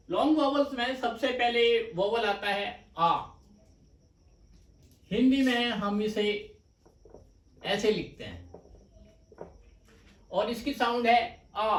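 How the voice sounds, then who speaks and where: A man teaching a stenography lesson, explaining patiently and slowly with repeated examples. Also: sits high, recorded from a distance. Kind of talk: slow explanatory lecture. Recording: echoey room, voice off-mic.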